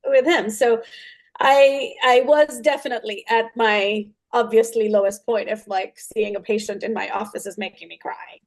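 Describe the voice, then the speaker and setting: A woman, a pediatric dentist, telling a personal story in an interview with many fillers, putting on lively quoted voices. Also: on the high side, moderate pace.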